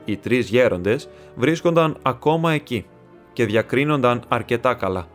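A man narrating a classic short story in a calm, even reading voice, with faint music behind. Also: mid-range voice. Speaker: audiobook narrator.

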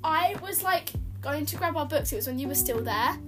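A teenage girl with a high voice chats on a casual podcast. She tells stories in a giggly way and swears casually. Faint music plays underneath. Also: animated, moderate pace. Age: teens. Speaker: podcast co-host. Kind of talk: casual chat.

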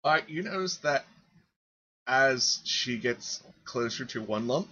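A man narrating as game master for a tabletop game, halting and searching for words. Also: medium pitch, lively intonation, sharp tone, muffled recording.

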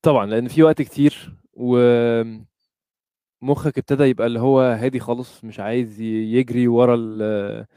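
A man with an Egyptian Arabic accent talks as a podcast guest in a mellow, relaxed tone. He speaks quickly and casually, slipping English words into his Arabic. The sound is dry and close. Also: medium pitch, clean tone, dry recording. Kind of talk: casual chat.

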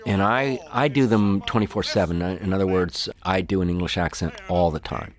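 A man's voice: low-pitched, moderate pace. A man actor giving film commentary, reflecting thoughtfully on his craft, self-deprecating.

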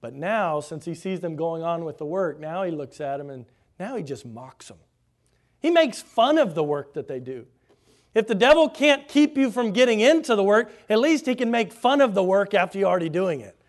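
A man preaching a sermon, animated, slipping into mocking voices when he quotes the scoffers. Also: sits high, moderate pace.

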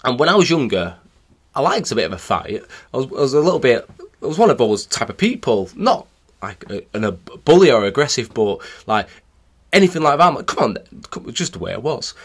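A man's voice: mid-range voice, brisk, slightly rough. Man in his thirties, cycling coach, tells podcast stories animatedly in a mid-range voice. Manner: animated storytelling, acting out remembered exchanges. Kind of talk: solo podcast storytelling.

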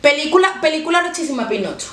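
A woman's voice: high voice, lively intonation, quick pace, a bit bright. A young woman with a Venezuelan accent in casual chat, playful and crude, full of slang and mocking voices. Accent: Venezuelan Spanish. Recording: echoey room with faint noise.

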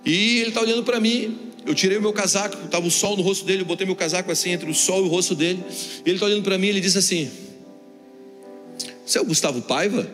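A Brazilian man with a fairly high voice, preaching in a large hall with a long echo. Soft instrumental music plays behind him as he tells a story and acts out each speaker's lines. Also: rapid-fire. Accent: Brazilian Portuguese. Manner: animated storyteller, acts out dialogue. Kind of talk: sermon storytelling.

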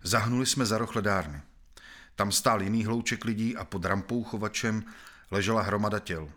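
A man narrating a novel in the first person, reading in a measured, grave manner. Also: fairly low pitch, fairly bright tone.

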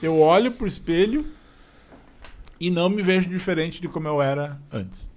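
Guesting on a podcast, a southern Brazilian man recounts his experiences in relaxed, colloquial storytelling and performs bits of dialogue along the way. His voice is fairly high and darkish, and he talks at a normal speed in Brazilian Portuguese.

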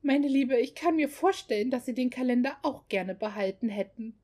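A woman's voice: sits high, normal speed, warm tone. A woman voicing a haughty, condescending older mother-in-law in a German audiobook, grand and mocking in manner. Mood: amused.

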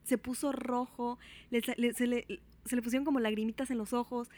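A Mexican woman tells a childhood story in relaxed conversation, her voice set a little high. She jumps up and down in pitch to act out what each person said, and she keeps a lively, chatty pace. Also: a little fast, a little hiss or hum. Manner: animated, acts out quotes with big pitch jumps. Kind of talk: casual storytelling chat.

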